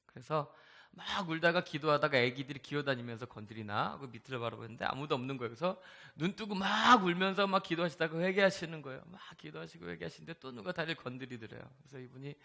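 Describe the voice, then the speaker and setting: Bright-voiced man giving an emotive testimony. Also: a little high, quick pace, vocal fry. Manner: emotive, animated storytelling. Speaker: evangelist and gospel singer. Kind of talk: testimony sermon.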